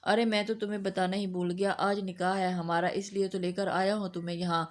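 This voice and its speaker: A cocky young man taunts his captive with smug, mocking calm, as a woman narrator reads him. His lines stay level and unhurried in this audiobook romance. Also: medium pitch, natural voice. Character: arrogant young man, mocking forceful captor.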